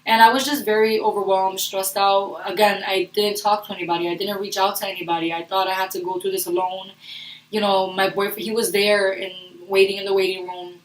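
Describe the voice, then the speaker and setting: A young woman telling a personal story in a vlog. She talks in a rushed, earnest way and often restarts her sentences. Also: mid-range voice, flat delivery. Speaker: vlogger. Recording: roomy echo, distant from the mic.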